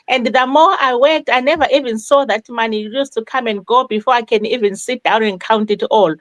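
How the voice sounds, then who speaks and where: A woman's voice: a little high, no echo. Woman hosting a live panel. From Zimbabwe. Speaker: host of a live online panel. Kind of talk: live motivational panel talk.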